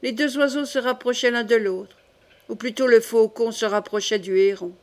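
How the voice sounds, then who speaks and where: A woman reading a classic French novel aloud as an audiobook, steady and literary. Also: fairly high pitch, moderate pace. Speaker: audiobook reader. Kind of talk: audiobook narration.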